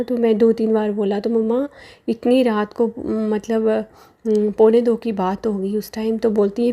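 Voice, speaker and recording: A woman in her forties telling a devotional story to listeners, slow and earnest, pausing often and addressing them respectfully. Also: fairly high pitch, mellow. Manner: slow, earnest, with frequent pauses. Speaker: devotee sharing experiences.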